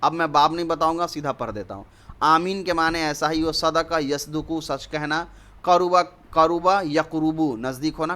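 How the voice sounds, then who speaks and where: A man's voice: on the high side, sharp tone. A man with an Indian Urdu accent teaching an online Arabic grammar lesson, explaining step by step and mixing in English words.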